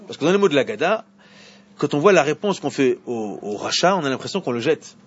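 Fast-talking man teaching a Torah class. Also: breathy edge. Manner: animated, rises to emphatic high preaching at key points, interacts with listeners. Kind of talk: evening Torah lesson to a small group. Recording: dull lo-fi recording with faint background noise.

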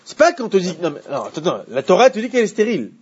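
Un homme qui donne un cours de Torah de façon animée et pose des questions à ses élèves. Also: male voice, high-pitched, rapid-fire, lo-fi sound. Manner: animated, asks the class questions. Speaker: Torah teacher. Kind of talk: Torah class.

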